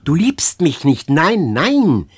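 A man's voice: medium pitch, very animated, moderate pace, slightly rough. A man doing a desperate young woman, Fenice. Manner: pleading, rising into loud outbursts. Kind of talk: audiobook reading.

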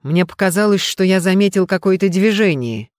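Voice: mid-range voice, lively intonation, brisk, no room sound, studio quality, close to an everyday voice. An audiobook reader voicing an earnest, deferential young patrolman. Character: dutiful young male patrolman.

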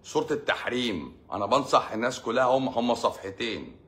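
A mid-range male voice with big pitch swings, a slightly fast pace and a bit of brightness comes from an Egyptian doctor running his own channel. Speaking Egyptian Arabic in a casual monologue, he gives his audience mocking, sarcastic advice.

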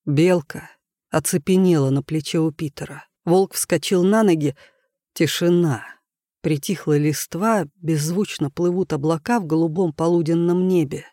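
A man narrating an audiobook in a calm, even storytelling manner. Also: a little high, normal speed, dry recording, studio quality. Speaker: audiobook reader. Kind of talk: scripted narration.

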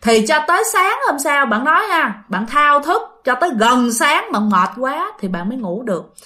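A woman's voice: sits high, big pitch swings, moderate pace, bright, forceful tone. A woman with a Southern Vietnamese accent telling a ghost story in a chatty way, talking straight to her listeners and repeating phrases. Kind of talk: casual spoken storytelling.

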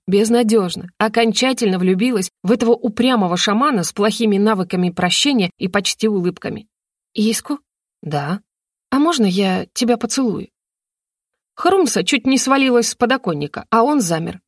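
A woman reading a first-person storybook narration in a lively, expressive way. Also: medium pitch, breathy edge, no room sound, studio quality. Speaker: audiobook reader.

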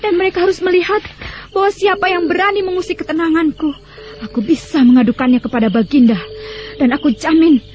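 An actress playing a haughty, vain and spiteful young royal concubine with proud, biting delivery in a radio melodrama. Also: female voice, very high-pitched, fast, darkish tone, slight background noise. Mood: aggrieved, vindictive. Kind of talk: melodramatic radio drama acting. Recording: muffled radio drama, music behind.

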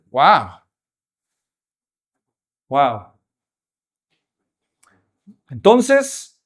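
A man preaching a sermon, often putting rhetorical questions to the congregation. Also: sits high.

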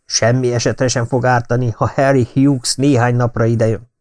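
A man's voice: medium pitch, level tone, a little mellow, no echo, studio quality, lightly acted. A man voicing a serious, suspicious young woman who insists on danger. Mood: insistent.

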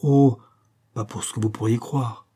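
A man reading the part of a modest, shy young working girl in a gentle, soft manner and a husky voice. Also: medium pitch, steady tone, a little slow.

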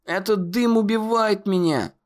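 A man's voice: high voice, lively intonation, takes it slowly, voice pushed up. A man voicing a frightened young boy who pleads and cries out in an audiobook. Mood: desperate.

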